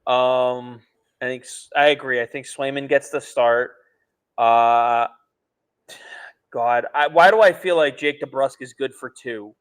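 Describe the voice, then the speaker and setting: A man's voice: mid-range voice, measured pace, smooth. A man co-hosting a hockey podcast in casual chat, often laughing, with hesitant fillers. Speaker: podcast co-host.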